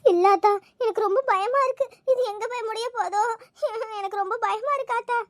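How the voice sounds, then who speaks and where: A woman's voice: very high-pitched, brisk, no room sound, studio quality. A woman voicing an anxious, tearful young married woman in a cartoon, with a pleading manner. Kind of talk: cartoon voice acting.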